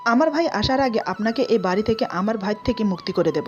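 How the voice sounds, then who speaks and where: Woman doing a needling young sister in a storybook reading: pointed and lively. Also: fairly high pitch, fast talker, highs cut off, faint music behind, natural voice. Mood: cold. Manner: teasing, pointed. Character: teasing young woman, sharp-tongued sister.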